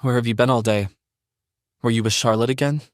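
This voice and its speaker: A man's voice: mid-range voice, steady tone, fairly quick, no room sound, clean studio sound, natural voice. A man voicing a suspicious young wife questioning her husband in an audio drama.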